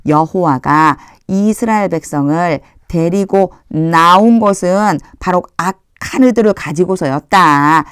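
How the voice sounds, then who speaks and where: A woman's voice: low-pitched, no echo, studio quality. A woman teaching English through Bible verses, explaining each line in a chatty, encouraging way. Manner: chatty, encouraging, often opens lines with "자".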